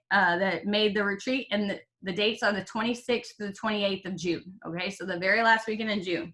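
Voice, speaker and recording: Upbeat woman, bright tone, runs a team call while hiccuping, casual and joking. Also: mid-range voice. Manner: upbeat and chatty, with fillers and jokes. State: has the hiccups. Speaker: team leader.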